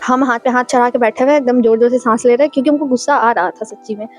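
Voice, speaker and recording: A young woman telling a story in a chatty, animated vlog style. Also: a little high, rapid-fire, faint music behind. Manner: animated, chatty, acts out quoted lines. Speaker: vlogger.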